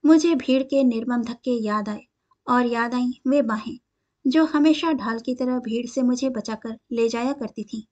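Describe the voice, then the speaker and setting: A woman's voice: fairly high pitch, normal speed, darkish tone, muffled recording. A woman reading a short story aloud as narration, voicing the quoted lines in her own voice. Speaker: story reader.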